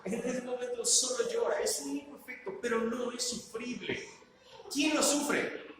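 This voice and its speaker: Mexican guy lecturing, high voice, keeps asking no? and si?, big echoey hall with noise. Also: steady tone, moderate pace. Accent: Mexican Spanish. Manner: rhetorical, seeks agreement with tag questions; acts out quoted parents. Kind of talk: lecture to an audience.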